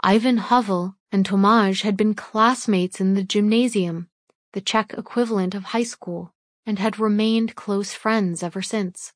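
A woman narrates a first-person memoir in a steady, measured reading voice. Her pitch sits in an ordinary middle range, and the sound is dry and close with no room around it. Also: no room sound. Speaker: audiobook narrator.

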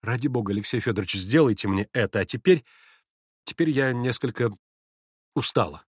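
A man reading aloud and voicing a proud young woman who speaks in a measured, tired way. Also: mid-range voice, expressive, husky, dry recording, studio quality. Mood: weary.

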